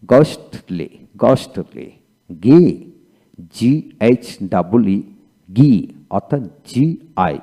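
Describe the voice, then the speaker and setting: A man teaching a spoken English lesson, slowly repeating each word twice and spelling out its letters. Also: on the low side, warm tone. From Bangladesh.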